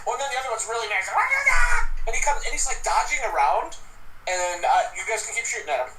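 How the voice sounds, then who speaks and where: A man narrating as game master, animated and laughing, now and then yelping little creature cries. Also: sits high, racing, roomy sound, recorded from a distance, slight background noise, poor audio.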